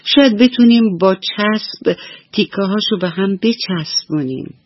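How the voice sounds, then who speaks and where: Brief: high, childlike little boy mouse, anxious and fretful, as a woman storyteller puts him on, husky edge, dull radio sound. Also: dry recording, lightly acted. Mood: remorseful.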